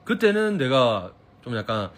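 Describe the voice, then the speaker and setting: A man's voice: medium pitch, very animated, unhurried. A man with a Gyeongsang Korean accent chatting casually on a live stream from his phone, reading viewers' comments, playful and teasing and laughing often.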